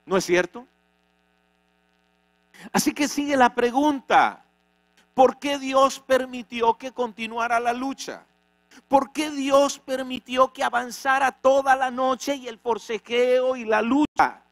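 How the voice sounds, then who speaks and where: Male pastor, high-ish voice, dry sound, dramatic sermon delivery. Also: slow pace, fairly bright tone, no room sound. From Venezuela. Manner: dramatic, rhetorical questions, acts out quoted voices. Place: church.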